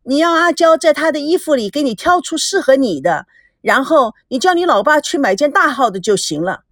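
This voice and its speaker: Vain teen girl in a storybook, preening and teasing in a high, bouncy voice. Acted by a woman narrator. The recording is close and dry. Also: sing-song, a little fast, dry recording. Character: vain slim teenage girl who wants to model.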